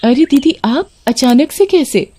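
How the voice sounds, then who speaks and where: This is a meek, gentle young daughter-in-law from a storybook tale, voiced by a woman narrator. She speaks softly, with a pleading, hesitant manner, in a raised, girlish pitch. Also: expressive, measured pace, breathy edge, exaggerated voice. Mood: caring.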